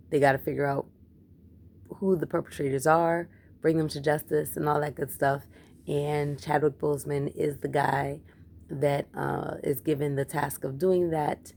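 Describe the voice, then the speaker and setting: A woman with a low, gravelly voice talks her way through a casual movie review vlog. She is chatty and emphatic, piling on words when she gets going. Her voice is deep with plenty of vocal fry. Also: a little mellow, a little hiss or hum. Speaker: film reviewer.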